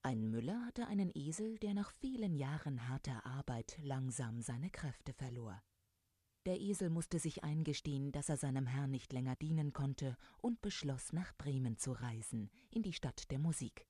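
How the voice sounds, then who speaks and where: A woman narrating a fairy tale in a calm, storytelling manner. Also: a bass voice, normal speed, no echo, clean studio sound. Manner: calm storytelling, voices characters.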